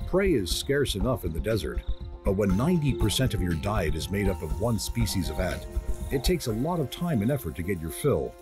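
A man narrates a nature documentary in a low voice with lively, varied intonation. His delivery is measured and descriptive, carefully scripted, with music playing clearly behind him.

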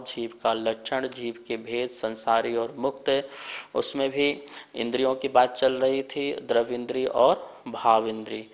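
Man teaching scripture, slow and deliberate. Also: mid-range voice. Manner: calm, deliberate explaining with careful pronunciation drills; leads call-and-response recitation. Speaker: religious teacher leading a scripture class. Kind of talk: televised scripture lesson.

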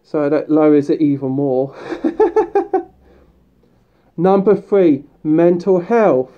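A fursuit video creator talking through a mascot head in a casual, upbeat, rambling way, with many fillers and restarts. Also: mid-range voice. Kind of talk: casual vlog talk. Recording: dull lo-fi recording.

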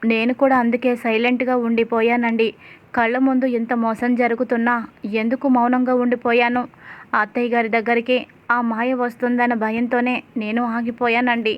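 A woman's voice: fairly high pitch, little pitch movement, moderate pace, dull audio, close to an everyday voice. A woman voicing a determined young wife who speaks firmly and makes vows. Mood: earnest. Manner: firm, vowing.

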